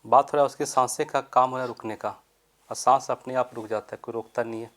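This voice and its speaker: A man teaches English grammar in Hindi, explaining step by step, posing questions and answering them himself, and reading example sentences slowly and deliberately. His mid-range voice is steady and fairly bright.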